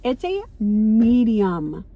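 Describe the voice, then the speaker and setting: A middle-aged woman vlogging in casual chat from a parked car into her phone, telling stories in a chatty, excitable way. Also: a little high, drawn-out words.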